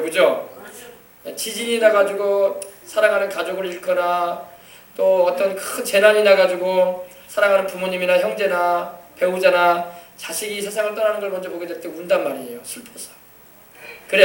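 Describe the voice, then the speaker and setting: Speaking in a high male voice with a Yeosu, South Jeolla accent, this pastor leads a children's sermon, posing questions and pausing for the kids to reply. The sanctuary is echoey, and he sounds distant from the mic.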